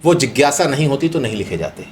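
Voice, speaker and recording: A man's voice: mid-range voice, lively intonation, quick pace, slight background noise. A middle-aged man from India, speaking as a guest in an unscripted interview, explaining philosophical ideas through everyday examples.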